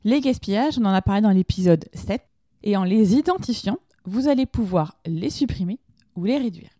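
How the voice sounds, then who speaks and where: A woman's voice: mid-range voice, lively intonation, normal speed, dark tone, dry recording, studio quality. A woman hosting an informal lesson, explaining ideas conversationally and asking her listeners direct questions. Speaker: podcast host teaching lean management.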